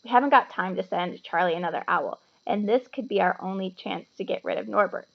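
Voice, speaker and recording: A woman's voice: mid-range voice, brisk, creaky, highs cut off. Woman reading as Harry, an earnest determined schoolboy.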